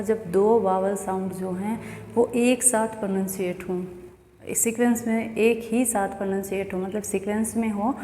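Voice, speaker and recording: A woman teaching English pronunciation in a slow, repetitive classroom manner, asking rhetorical questions as she explains. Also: mid-range voice, mellow. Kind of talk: classroom-style lesson explaining phonetics. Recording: echoey room with long reverb, faint ambient noise.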